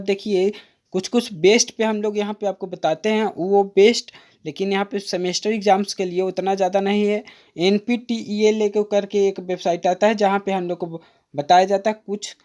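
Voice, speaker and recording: A woman tutoring diploma students for exams, explaining a diagram patiently and repeating key terms. She reads textbook definitions aloud slowly and calls the viewers "friend". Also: medium pitch, warm tone. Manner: patient, repetitive, addresses viewers as friend, mixes in English terms. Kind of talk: exam-prep lecture, explaining a diagram.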